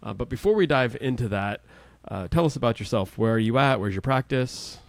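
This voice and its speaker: A man in his forties hosting a podcast, chatting casually with a guest and often pausing with "uh" and restarting sentences. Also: mid-range voice, lively intonation, dry recording. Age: 40s. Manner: friendly, frequent "uh" hesitations and restarts. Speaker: podcast host. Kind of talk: casual interview chat.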